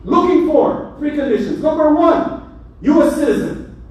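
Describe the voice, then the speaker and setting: A man preaching as an imam in a mosque, animated and joking as he speaks. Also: extremely high pitch, unhurried. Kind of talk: mosque sermon. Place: mosque hall. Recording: echoey hall, mic from far.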